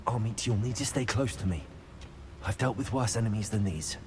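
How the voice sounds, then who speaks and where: An actor playing a brave, protective young student wizard in a video game, earnest and assured. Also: male voice, lowish voice, brisk, close to an everyday voice. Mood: steady, reassuring. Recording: game audio under heavy noise.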